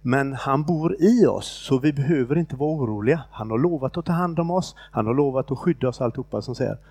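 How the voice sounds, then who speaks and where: This is a man delivering a relaxed, unscripted sermon and retelling a scripture passage in his own words. His voice has a gravelly, fry-tinged texture at a middle pitch. He talks haltingly, with fillers and restarts, and the recording is close and dry. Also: dry recording. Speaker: preacher. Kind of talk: informal sermon retelling a Bible story.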